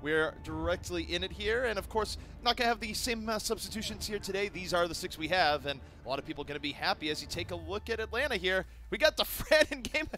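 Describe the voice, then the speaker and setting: A man's voice: high voice, fast talker, few pauses, pushed and bright. A man giving esports color commentary, explaining the game and breaking into laughs.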